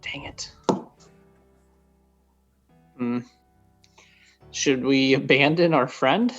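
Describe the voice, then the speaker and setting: A man's voice: medium pitch, extremely slow, a bit bright, muffled recording, soft background music. A man playing a tabletop game, casually talking through choices with hesitation. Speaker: player.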